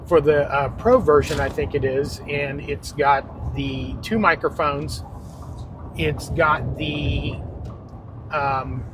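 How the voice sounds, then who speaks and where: A man hosting a casual podcast product review from inside a car, on a wireless microphone. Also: on the high side. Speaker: podcast host. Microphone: wireless clip-on microphone. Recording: noisy vehicle interior.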